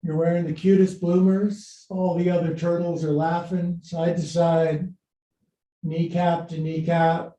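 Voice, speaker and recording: A middle-aged man with a slightly high, mellow voice teaches a live online yoga class. He takes his time, giving brief commands and counts, then slips into playful, folksy jokes. The room around him is clearly echoey. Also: flat delivery, measured pace, lo-fi sound. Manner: playful, folksy, joking asides and silly sound words. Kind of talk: live-streamed exercise class instruction.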